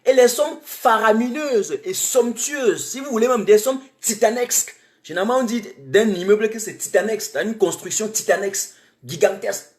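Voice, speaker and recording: A woman's voice: a little high, normal speed, darkish tone. A woman from Cameroon, giving impassioned, defiant political commentary on a livestream and repeating phrases for emphasis. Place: home in Germany. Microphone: webcam or phone mic on a livestream.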